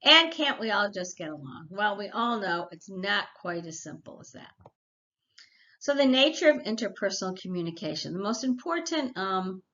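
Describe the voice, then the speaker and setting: A woman's voice: mid-range voice, big pitch swings, moderate pace, sharp tone, lo-fi sound. A middle-aged woman giving a recorded college lecture in a chatty, practical way, with personal stories and asides. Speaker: college instructor.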